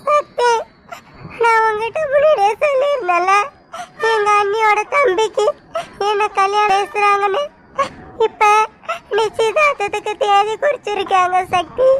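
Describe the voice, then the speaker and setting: A woman's voice: very high voice, a little slow, long pauses, heavy background noise. A woman with a Tamil accent voicing a frightened young woman in a cartoon, crying and urgent. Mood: tearful.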